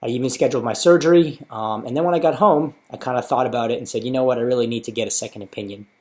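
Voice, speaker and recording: American guy in his 30s doing a casual video diary, matter of fact, average pitch. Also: very fast, a little mellow. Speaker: patient sharing his surgery experience.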